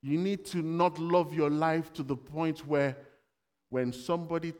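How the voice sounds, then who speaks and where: A man preaches in a conversational way, telling stories and asking his congregation questions. His voice sits fairly high for a man. The sound carries the long reverb of a church hall. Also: fairly even intonation, a little slow, darkish tone. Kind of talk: sermon.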